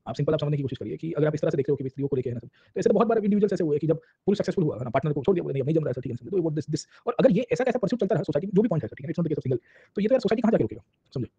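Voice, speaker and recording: A man's voice: a little high, lively intonation, very fast, warm tone, slightly rough, dull audio. A man teaching a history class for exam preparation, switching between Hindi and English and checking in with "samjhe?" after almost every point. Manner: tags nearly every sentence with "samjhe?" and "sir, theek hai na"; acts out little anecdotes with quoted voices. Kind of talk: exam-prep lecture mixing Hindi and English.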